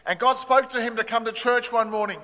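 A man, preaching a sermon in short measured phrases that pause for an interpreter. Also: very high-pitched, steady tone, bright, forceful tone. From Australia. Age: 60s. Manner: measured, pausing for translation. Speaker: pastor. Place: church hall. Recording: long reverb of a church hall.

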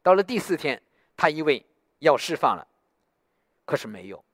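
A man's voice: on the high side, normal speed, no echo, clean studio sound. A man preaching a sermon, telling a story and often asking the listeners to agree. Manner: animated, asks listeners for agreement.

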